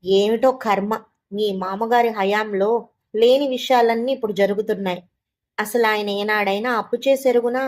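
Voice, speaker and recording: A woman's voice: mid-range voice, steady tone, normal speed, lightly acted. A woman reading a scolding old mother-in-law. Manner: sharp, scolding, complaining.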